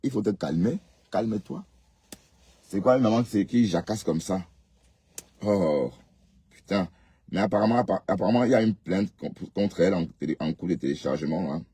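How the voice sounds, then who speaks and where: Man hosting a livestream, deep husky voice, lectures viewers, "hein?" tags. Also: animated, moderate pace, warm tone. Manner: scolding, rhetorical questions with tag "hein". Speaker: live stream host. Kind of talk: casual live commentary reading comments.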